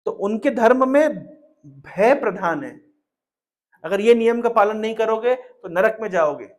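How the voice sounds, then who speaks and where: This is a male preacher giving a devotional storytelling sermon. His voice is notably high, and he speaks emphatically, repeating key phrases and posing rhetorical questions to the listeners. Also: lively intonation, measured pace.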